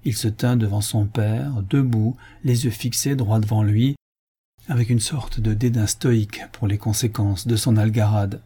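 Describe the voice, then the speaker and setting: A man narrating a classic novel as an audiobook reader, measured and even. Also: lowish voice, husky. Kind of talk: scripted narration.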